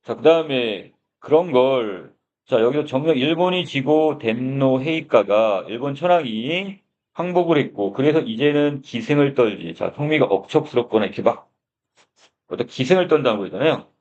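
A man's voice: mid-range voice, animated, moderate pace, a little mellow. A male teacher reading a story aloud and explaining its phrases, asking his class questions as he goes. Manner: explanatory, asks the class questions, begins lines with "자". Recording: dull lo-fi recording.

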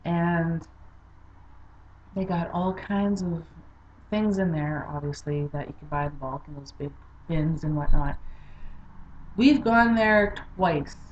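A woman's voice: low-pitched, slow pace, pauses often, slight background noise. Chatty upbeat woman on lo-fi home video. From Saskatchewan, Canada. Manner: chatty, upbeat, rambling with fillers. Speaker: vlogger. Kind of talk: casual chat to camera.

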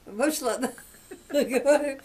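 High-voiced older woman, hearty belly laughter. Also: slow, mellow. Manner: telling a story through laughter, breaking into hearty belly laughs. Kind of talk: casual anecdote telling. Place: small furnished room at home, indoors. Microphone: camera a short distance away.

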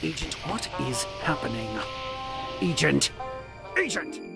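A video game spy handler, brisk and urgent as he guides his agent. His voice is highish and lively with a gravelly creak, set over loud music. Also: heavily acted. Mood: alarmed.

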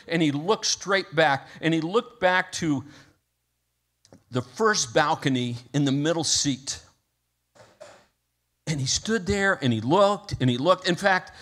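A man preaching a sermon in a church, telling a story with rising intensity and praying softly. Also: fairly high pitch. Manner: storytelling with rising intensity, then soft prayer. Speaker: pastor. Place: church sanctuary.

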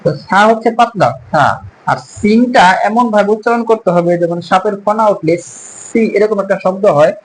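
High-voiced man teaching pronunciation slowly. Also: a little hiss or hum, poor audio. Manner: slow, careful, drawn-out syllables when modelling sounds. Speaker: Arabic teacher. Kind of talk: pronunciation lesson.

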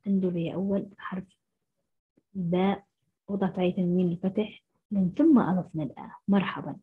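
Woman, teacher, husky voice, muffled lo-fi sound. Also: fairly low pitch. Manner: slow, syllable-by-syllable sounding out of letters. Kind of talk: first-grade Arabic phonics lesson. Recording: muffled lo-fi recording.

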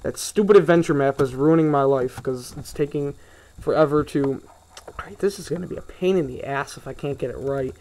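A man's voice: on the high side, a little fast, a little mellow, slight background noise. A young man giving casual, rambling commentary while he plays a video game, often sidetracked and grumbling in asides. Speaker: gaming video host. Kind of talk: casual let's play commentary.

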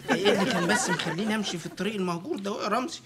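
High fast egyptian guy, an actor doing a dumb stuttering friend who got dog-bit, noisy tv sitcom sound. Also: over a noisy crowd, natural voice. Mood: self-pitying. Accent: Egyptian Arabic. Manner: stammering, silly and whiny. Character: dim-witted young man, dog-bitten, starts barking. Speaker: Ramzi, the friend bitten by a dog. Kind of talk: sitcom acting. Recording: TV sitcom audio with background noise.

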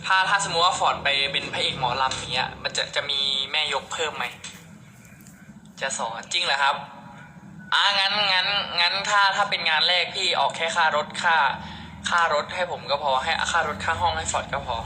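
A man's voice: a little high, brisk, sharp tone. A man chatting casually on a live stream, reading out viewer comments and selling pork, playful and joking, with a Khmer-speaking background. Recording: echoey room with background noise.

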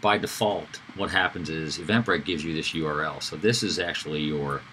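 A man giving a casual screen-recorded software tutorial, talking loosely with fillers and self-corrections. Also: a bass voice, a little fast, a little hiss or hum, low-quality recording. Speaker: instructor.

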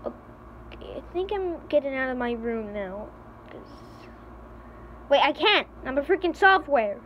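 A teenage girl in a comedy skit vlog, panicky and pleading, often shouting for help. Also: sits high, big pitch swings, a little slow, muffled recording, slight background noise. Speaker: vlogger.

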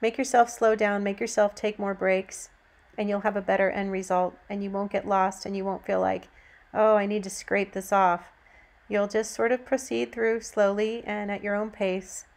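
A woman narrating a painting demonstration as an instructor, in a gentle, encouraging teaching manner. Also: medium pitch, flat delivery, normal speed, vocal fry.

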